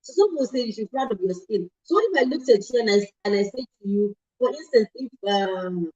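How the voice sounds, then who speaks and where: Lady hosting a talk show, lively storytelling, keeps correcting herself, kinda dull lo-fi audio. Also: medium pitch, quick pace. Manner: animated storytelling with many asides and self-corrections. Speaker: host.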